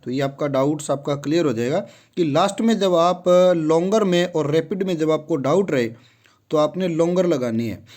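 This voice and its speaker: A man's voice: fairly high pitch, a little mellow. A man giving a phonetics lesson, repeating each word several times and addressing his students directly. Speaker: English phonetics teacher. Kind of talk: classroom-style lesson.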